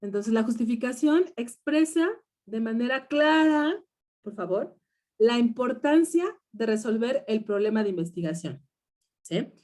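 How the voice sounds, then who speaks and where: A woman's voice: on the high side, lively intonation, darkish tone. Mexican woman teaching a research seminar. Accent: Mexican Spanish. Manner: explains step by step, checks in often with quick questions. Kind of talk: lecture to students.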